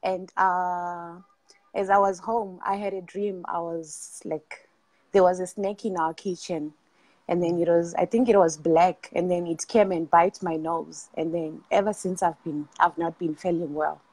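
A young woman from Zimbabwe, calling in over video and speaking softly and haltingly. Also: lowish voice, steady tone, no room sound. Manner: soft, halting, many fillers. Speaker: caller. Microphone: video call.

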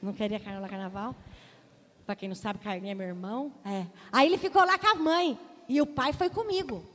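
A woman in her forties with a Brazilian accent, preaching a sermon to her congregation and telling a personal story in an animated, direct way. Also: medium pitch, fairly quick. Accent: Brazilian Portuguese. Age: 40s. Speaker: pastor. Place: church hall. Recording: long hall reverb.

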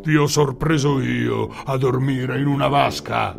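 Man playing a gravelly, blustering sultan. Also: measured pace. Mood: indignant. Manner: booming, indignant outbursts. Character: capricious, hot-tempered male sultan, loud and blustering. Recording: music bed under narration.

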